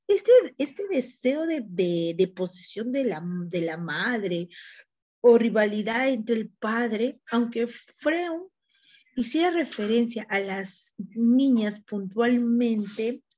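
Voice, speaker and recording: A woman's voice: on the high side, lively intonation, slow, darkish tone, muffled recording. A woman teacher with a Peruvian accent, lecturing her class, often asking tag questions and repeating words as she goes. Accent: Peruvian Spanish.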